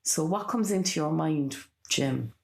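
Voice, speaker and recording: A woman with an Irish accent, chatting and telling anecdotes in a lilting, animated storyteller's way. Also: sits low, a little slow, gravelly. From Ireland. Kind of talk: casual conversational storytelling.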